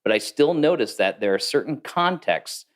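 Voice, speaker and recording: A podcast guest who works as an AI consultant explains ideas thoughtfully in casual interview talk, using fillers. He has a medium-pitched, expressive voice at a moderate pace.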